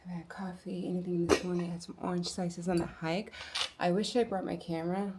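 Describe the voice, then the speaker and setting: A woman talking quietly to her camera in a personal vlog, reflective and searching for words, sometimes dropping into quiet asides. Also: fairly low pitch, steady tone, fairly quick, heavy background noise. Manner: soft-spoken, musing, with quiet asides. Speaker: vlogger.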